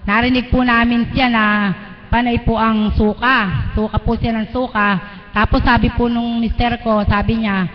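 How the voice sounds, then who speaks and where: A woman's voice: on the high side, level tone, normal speed. A middle-aged woman giving a live spoken testimony before a church gathering, earnest and deferential as she retells events step by step. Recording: dull lo-fi livestream audio in a reverberant hall, faint noise.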